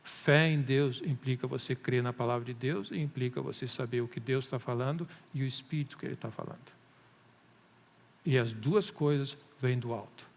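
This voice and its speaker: A man's voice: medium pitch, vocal fry. A male pastor preaching a sermon with a Brazilian Portuguese accent, building to emphatic rises and stretching key words. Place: church hall. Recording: long church-hall reverb.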